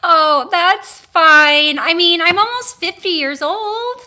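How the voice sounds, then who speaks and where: A woman in her forties with a high, bright voice hosts a tarot livestream in easy, casual chat. She takes her time, musing aloud with unhurried restarts and drawn-out exclamations, and sends homely blessings to her viewers. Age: 40s.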